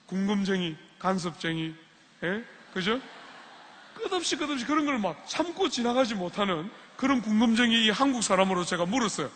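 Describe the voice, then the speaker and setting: A man preaching, high-pitched and bright, with a long reverb from a large hall. He tells his stories vividly and acts out the lines of the people in them. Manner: animated storytelling, acts out dialogue. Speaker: preacher at a student retreat. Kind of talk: sermon.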